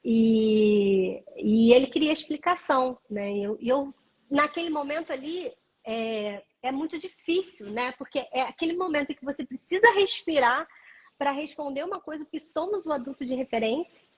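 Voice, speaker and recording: A woman's voice: sits high, expressive, moderate pace, poor audio. A woman and parent educator speaking earnestly and reflectively in a live video chat, often checking in with her listener. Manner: earnest, reflective, peppers speech with "né" and "sabe".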